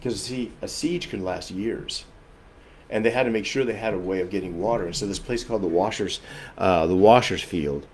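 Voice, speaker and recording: A man preaching a sermon as pastor, earnest and emphatic, swinging between loud and soft and often repeating phrases as he explains. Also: low-pitched, moderate pace, a little hiss or hum.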